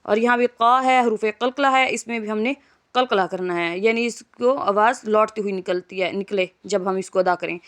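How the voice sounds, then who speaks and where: Woman slowly drilling letter sounds, clear voice. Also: medium pitch, fairly bright tone. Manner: slow, drawn-out drilling of letters and vowel marks, then patient explanation. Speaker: Quran recitation teacher. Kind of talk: spelling out syllables in a reading lesson.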